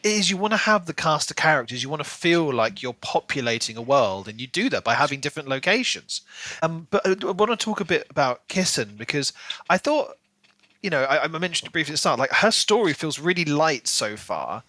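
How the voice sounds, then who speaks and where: A man co-hosting a podcast talks casually about a book in long, rambling runs full of "you know"s. His voice is a little high, very animated, fairly quick, and sharp in tone. The recording is dry.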